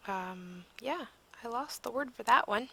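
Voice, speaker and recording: A woman's voice: fairly high pitch, moderate pace, creaky, sharp tone, breathy edge. A tired woman giving a casual voiceover for a craft video, rambling and searching for words with frequent ums. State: yawning, tired. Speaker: crafter narrating a process video.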